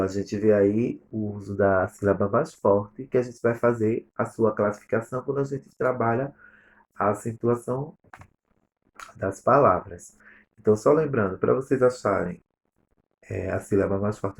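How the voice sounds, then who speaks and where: A man's voice: lowish voice, vocal fry. A male teacher with a Brazilian Portuguese accent, going over exercise answers step by step in a recorded lesson review. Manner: explains step by step, reading answers aloud.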